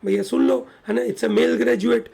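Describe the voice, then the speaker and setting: A man's voice: very high-pitched, steady tone, a little slow, gravelly, warm tone. A man with an Indian English accent teaching an online exam-prep vocabulary lesson, switching between Hindi and English and often asking "yes or no".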